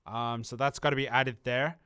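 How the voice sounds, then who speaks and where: On a game livestream, a male community manager casually responds to viewer questions, meandering through explanations with frequent ums and restarts. His voice is medium-pitched, steady and moderately paced, sharp in tone yet clear and resonant.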